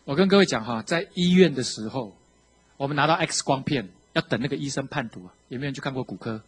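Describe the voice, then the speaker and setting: Husky taiwanese mandarin guy preaching his testimony, acts out every quote, goes soft then loud. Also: medium pitch, fast. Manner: animated storytelling, acting out quotes, swinging from hushed to loud. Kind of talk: sermon testimony.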